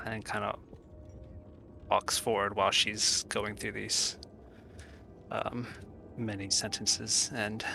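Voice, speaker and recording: A man's voice: lowish voice, vocal fry, sharp tone. A man casually narrating his character in a tabletop role-play game. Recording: faint background noise.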